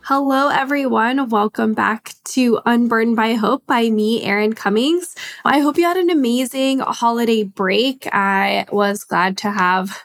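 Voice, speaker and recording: Hoarse woman host, fairly high and raspy, chatty and sarcastic. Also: a little slow, soft background music. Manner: chatty and sarcastic, with many fillers. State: hoarse from a sinus infection. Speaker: podcast host. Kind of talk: casual chat.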